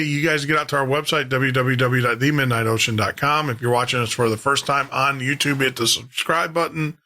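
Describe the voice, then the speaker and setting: A radio host with a mid-range, slightly bright voice signs off to his listeners. He talks casually and conversationally, rambling a bit and repeating himself for emphasis.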